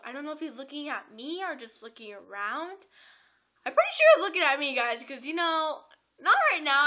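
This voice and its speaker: A teenage girl vlogging, rambling and breathless with lots of restarts, her voice hoarse and cutting in and out. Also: on the high side, pushed and bright. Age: teens. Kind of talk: excited storytelling vlog. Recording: dull lo-fi camera audio.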